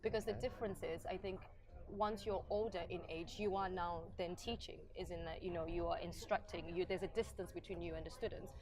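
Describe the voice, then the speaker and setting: A woman in her twenties, originally from Zimbabwe, speaks quickly and thoughtfully as a podcast guest. Her voice sits a little low, and a busy public venue chatters loudly behind her. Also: fairly even intonation. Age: 20s. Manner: quick, thoughtful and conversational, with frequent agreeing murmurs. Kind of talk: podcast interview. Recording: noisy crowd in a public venue. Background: crowd chatter.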